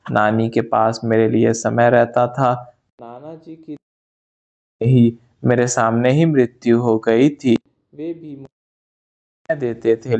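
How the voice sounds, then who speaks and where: Man, audiobook narrator, slow and measured, mid-range voice, calm reading. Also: medium pitch. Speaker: narrator reading a spiritual memoir.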